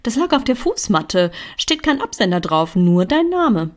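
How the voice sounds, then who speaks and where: A woman's voice: fairly high pitch, sing-song, unhurried, pitched above the performer's own voice. A woman doing a plain-spoken mother. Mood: matter-of-fact.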